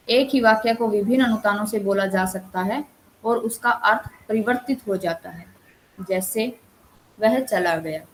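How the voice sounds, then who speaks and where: A woman's voice: mid-range voice, slight background noise, rough recording. A woman counsellor giving an online lesson, explaining points and reading out short examples. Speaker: counsellor teaching Hindi language. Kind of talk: online lecture.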